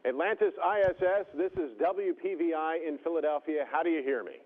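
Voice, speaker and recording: A man working as a TV news interviewer, asking formal, measured questions over a radio link to a space station. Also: fairly high pitch. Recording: tinny phone-like radio link.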